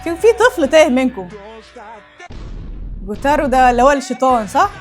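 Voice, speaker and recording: Quick, high-pitched Egyptian woman reacting. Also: animated, soft background music. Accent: Egyptian Arabic. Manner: exclaiming, teasing, laughs often. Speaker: anime YouTuber. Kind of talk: reaction commentary.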